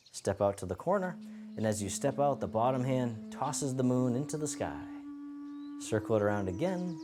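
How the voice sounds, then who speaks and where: A man teaching tai chi, cueing each movement step by step in a gentle, encouraging, unhurried way. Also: mid-range voice. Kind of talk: guided movement lesson, calm step-by-step cueing. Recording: music playing behind the voice. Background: music.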